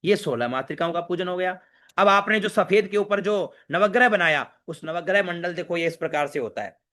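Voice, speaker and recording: Bright-voiced priest teaching a ritual. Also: male voice, high-pitched. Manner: slow, measured mantra recitation between brisk explaining; addresses the viewer directly with "dekho" and "theek hai". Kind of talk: step-by-step ritual instruction with chanted mantras.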